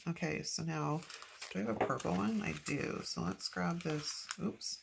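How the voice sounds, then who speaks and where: Her voice is lowish and gravelly, moving at a moderate pace, and allergies have left her nose stuffed up. Sitting at a craft table filmed from above, she decorates a planner and chats casually both to herself and to viewers over noticeable background noise.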